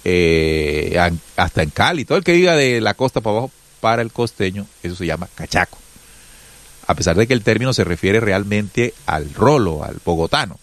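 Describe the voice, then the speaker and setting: A man with a Colombian Caribbean coast accent giving emphatic, indignant political commentary straight to his viewers. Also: low-pitched. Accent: Colombian costeño. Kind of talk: casual political commentary to camera.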